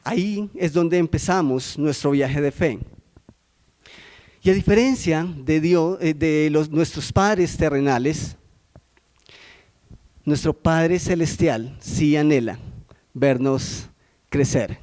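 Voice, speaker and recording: Male preacher, fairly high, warm voice, conversational sermon full of questions to the congregation. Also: slow, pauses often. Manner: asks the congregation frequent rhetorical questions; checks in with listeners using short prompts.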